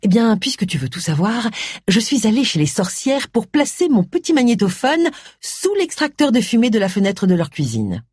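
A woman's voice: a little high, very animated, moderate pace, a little mellow, breathy edge, dry recording, studio quality, pitched above the performer's own voice. A woman voicing a stubborn, matter-of-fact woman detective in an audiobook. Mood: firm.

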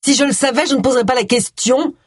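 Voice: mid-range voice, expressive, normal speed, a little mellow, slightly rough, no echo, clean studio sound. A reader voicing a brusque, weary middle-aged woman. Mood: indignant. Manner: snappish, exasperated.

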